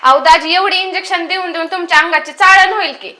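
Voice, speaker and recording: A woman's voice: very high voice, quick pace, sharp tone. A young woman in a scripted comedy sketch, teasing and skeptical in reply. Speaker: trainee doctor.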